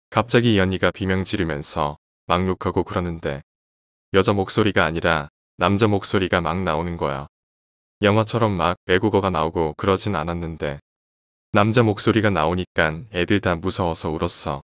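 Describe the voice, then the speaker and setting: A man calmly reading out horror stories in an even, casual storytelling way. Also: sits low, no room sound, studio quality. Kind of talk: scripted horror story narration.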